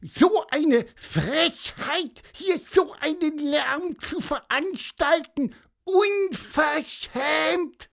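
A man voicing a small, indignant male talking bird who scolds in a shrill, drawn-out voice. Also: creaky, a bit bright, heavily acted.

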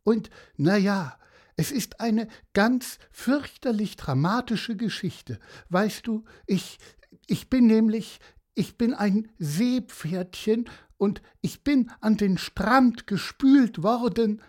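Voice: medium pitch, extremely slow, few pauses, pitched above the performer's own voice. A storyteller voicing a melodramatic, weepy horse with a weak, sobbing voice. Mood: wailing. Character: weepy dramatic horse claiming to be a seahorse.

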